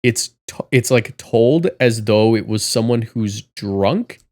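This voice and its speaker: A young man co-hosting a podcast, rambling through casual chat with lots of filler words and deadpan jokes. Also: on the low side, slow. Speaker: podcast co-host.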